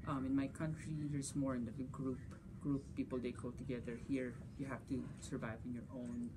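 A Filipino man in his thirties, playing a physics teacher, answers interview questions casually in a school conference room, often saying "you know" and "like" and gesturing as he talks. His medium-pitched voice is flat and moderately paced, picked up by a camera across the table with some background noise.

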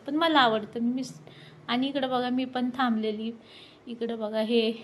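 A woman in her thirties chatting excitedly to viewers while filming a family ceremony at home on her phone. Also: on the high side. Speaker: vlogger. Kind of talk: casual vlog narration. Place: at home during a family ceremony, indoors and outdoors. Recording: faint background noise.

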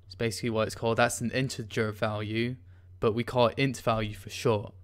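The host's voice is medium in pitch, smooth, fairly quick, and shows little pitch movement. Walking through his screen in a casual coding tutorial, he hesitates often, typing amid many ums and restarts.

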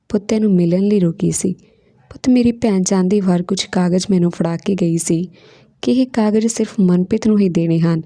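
A kindly elderly village woman speaks in a soothing, tender way, as a woman storyteller voices her. Her voice is dark and gravelly. The sound is dry and close. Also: lowish voice, no room sound. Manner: tender, soothing, calls the listener son.

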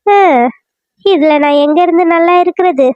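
This is a bitter village mother in a cartoon serial, voiced by a woman, complaining and lamenting in a Kanyakumari Tamil accent. Her voice sits extremely high and shrill. The recording is dry and a little muffled. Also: normal speed, no echo. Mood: reproachful. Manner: reproachful, wailing, nagging.

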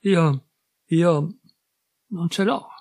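A man voicing a small grieving boy who speaks in a halting, tearful voice. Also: fairly high pitch, a little mellow, dry recording, studio quality, voice pushed up, heavily acted. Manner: sobbing, halting child's voice.

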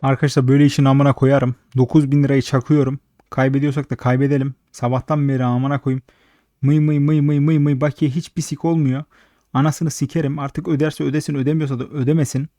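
A man giving casual, frustrated slot commentary, swearing constantly and talking at the machine, slightly hoarse late at night. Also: mid-range voice, flat delivery, fast talker, dark tone, no echo, studio quality. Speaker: slot streamer.

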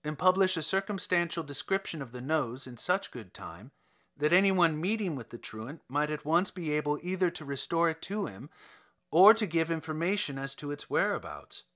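A man reading a classic story aloud as an audiobook narrator, in an expressive, theatrical manner. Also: on the high side, moderate pace. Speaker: audiobook reader.

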